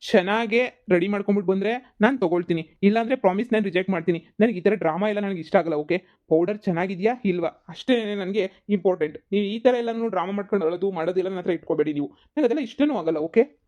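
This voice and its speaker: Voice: mid-range voice, fast talker, darkish tone, close to an everyday voice. A voice actor playing a strict young male businessman who lectures and rejects a seller's product. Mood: firm. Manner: stern, lecturing, ends lines with "okay?". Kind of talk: cartoon voice acting.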